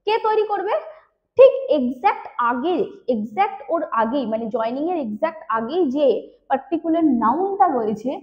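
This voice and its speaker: A woman English teacher with a Bengali accent giving an exam-prep grammar lesson. She mixes Bengali and English, repeats key points slowly and asks and answers her own questions. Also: high-pitched, sing-song, lo-fi sound. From West Bengal, India.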